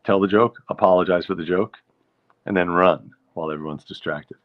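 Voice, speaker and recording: A brisk man whose voice sits low casually hosts a stream, reading viewer comments aloud and musing over them with easygoing wryness. The sound is dull lo-fi.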